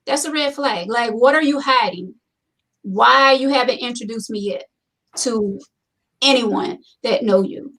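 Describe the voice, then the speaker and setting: A chatty woman hosts a casual talk show with a fairly high voice. She is opinionated and leans on repetition to make her point. Her voice sounds a little distant from the microphone. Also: unhurried, a bit bright. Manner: chatty, opinionated, repeats herself for emphasis. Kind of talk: casual chat.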